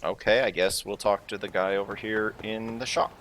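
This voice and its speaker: A man's voice: lowish voice, fairly even intonation, normal speed, fairly bright tone, a little hiss or hum. A man streaming a video game, commenting casually with rambling, self-mocking asides. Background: game music.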